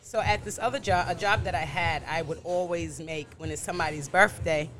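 A woman tells a story as a guest on a talk show, with a lower-pitched voice for a woman. She is animated and casual, and she acts out the other people in her story as she goes. She speaks easily, like a baker chatting about her work. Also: a little fast, a little hiss or hum. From New York City. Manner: lively, acts out what people said in her stories. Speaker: guest, baker and business owner.

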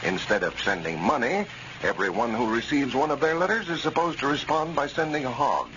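A man's voice: mid-range voice, lively intonation, brisk, lo-fi sound. A man speaking as an old-time radio announcer, with a folksy, emphatic sales delivery, on a vintage radio recording. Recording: noisy, band-limited vintage radio recording.

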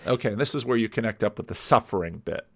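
A man with a low voice gives casual commentary on a sermon he is playing. He muses aloud, hedging his points with "sort of" and "you know". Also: expressive, quick pace, vocal fry, a bit bright.

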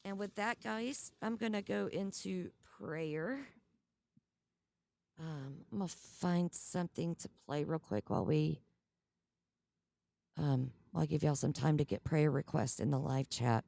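A woman's voice: sits low, a little slow, vocal fry, warm tone. A woman with a Southern US accent hosting a casual Bible study livestream, talking in a chatty way with fillers. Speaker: host.

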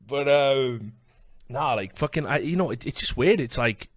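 A man in his thirties chatting casually and telling anecdotes in a sweary, blokey, animated way. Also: mid-range voice, moderate pace, no room sound, studio quality. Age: 30s. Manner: sweary, blokey, animated storytelling with acted-out quotes. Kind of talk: casual chat, telling bar-fight anecdotes.

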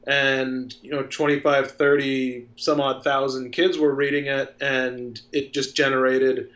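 A man's voice: medium pitch, flat delivery, a little slow, fairly bright tone. A man in his thirties, a filmmaker guest in a casual interview, talking in a reflective, earnest way. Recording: dull lo-fi sound.

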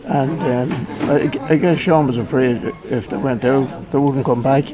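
Slow, halting man being interviewed. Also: medium pitch, fairly even intonation. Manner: hesitant, halting. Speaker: event attendee being interviewed. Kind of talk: informal interview storytelling. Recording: crowd chatter behind the voice. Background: crowd chatter.

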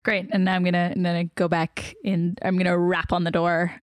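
A woman's voice: fairly low pitch, flat delivery, a little fast, clean tone, no room sound, studio quality. A woman playing a tabletop game, casually explaining her character's actions step by step.

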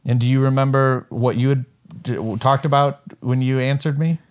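A man's voice: medium pitch, fairly even intonation, moderate pace. A young adult son in a candid personal conversation with his mother, speaking hesitantly and with many fillers.

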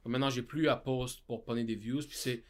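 A man's voice: medium pitch, fairly even intonation, a little fast. A young man with a Québécois French accent, a food content creator giving hesitant answers as a guest in a casual interview.

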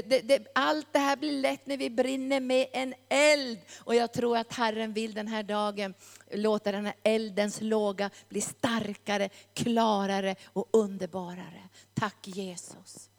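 A woman's voice: a little high, steady tone, gravelly. A woman preaching a sermon with a fervent, repetitive cadence. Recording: long hall reverb.

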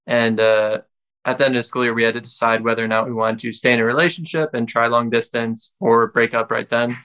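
A young man from Wisconsin, a musician guest speaking in a relaxed, reflective way. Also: mid-range voice, a little fast, clear, resonant tone. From Wisconsin, United States. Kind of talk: casual interview talk.

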